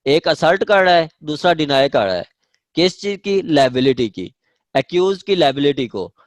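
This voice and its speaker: Teaching law online through screen share, a man with a Pakistani accent walks through legal definitions, going back over and rewording important points and checking understanding. His slightly high voice is expressive and at normal speed, with no echo present.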